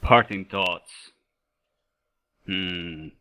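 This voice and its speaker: A man's voice: low voice, extremely slow, sharp tone. A man from Sweden answering interview questions as a competitive player, with dry humor. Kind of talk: casual interview.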